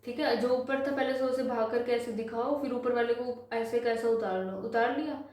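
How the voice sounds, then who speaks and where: A woman teaches a simple math lesson, patiently repeating each step and slowing down to read numbers digit by digit. Her voice sits fairly high but sounds soft and mellow. The recording is very echoey, as if made in a bare room. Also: steady tone. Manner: patient, repetitive, slows to spell out numbers.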